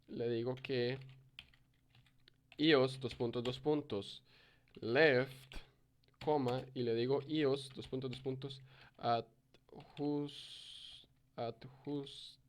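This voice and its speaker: A man's voice: mid-range voice, smooth. A young man in his early twenties giving a screen-recorded programming lesson. He reads code aloud step by step and corrects himself as he goes. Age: young adult. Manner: explains step by step, reading code aloud, with fillers and self-corrections. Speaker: programming tutor.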